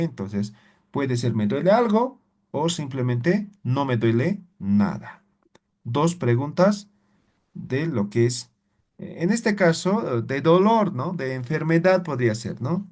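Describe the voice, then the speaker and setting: A man teaching a class who explains patiently, repeats example words slowly and keeps checking in with short tag questions. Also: mid-range voice, lively intonation, darkish tone. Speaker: language teacher.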